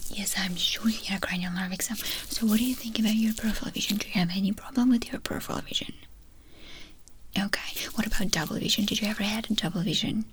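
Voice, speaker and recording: A woman whispering a fast, brisk ASMR whispered role-play as a medical examiner, giving short instructions and questions. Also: mid-range voice, fairly even intonation, background noise.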